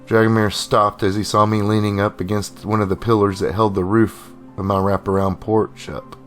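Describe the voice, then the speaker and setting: Man, audiobook narration, wry and conversational, low voice. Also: flat delivery, normal speed, a bit bright, faint music behind. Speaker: storyteller. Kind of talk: first-person audiobook narration.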